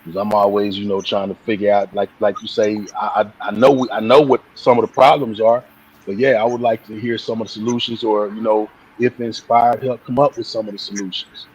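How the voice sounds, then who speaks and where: A man in casual live stream chat, talking in halting bursts with restarts and frequent swearing. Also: fairly low pitch, level tone, husky, highs cut off. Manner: halting, profane, many restarts.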